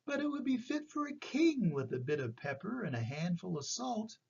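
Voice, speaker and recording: A man's voice: sits high, big pitch swings, moderate pace, gravelly, darkish tone, breathy edge, pitched above the performer's own voice, heavily acted. An older man with a grandpa storyteller voice voicing a hungry, sly, polite young trickster in a children's picture book. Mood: sly, coaxing. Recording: slightly dull, lo-fi recording.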